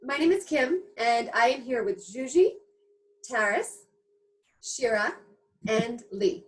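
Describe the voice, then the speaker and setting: A woman's voice: a little high, lively intonation, takes it slowly, poor audio. A woman host giving an upbeat, scripted introduction to a talk show and inviting a guest to speak.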